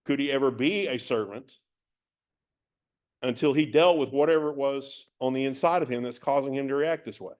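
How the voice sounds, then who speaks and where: A man's voice: medium pitch, normal speed, darkish tone. A man teaching a Bible passage verse by verse, reading it from several translations and musing on it in a conversational way.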